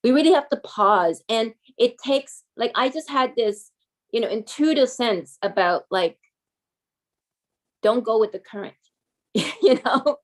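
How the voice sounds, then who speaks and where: A woman talks in an informal group discussion. Her fairly high voice rises and falls a great deal. She often laughs as she talks. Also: unhurried. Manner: expressive, laughs while talking.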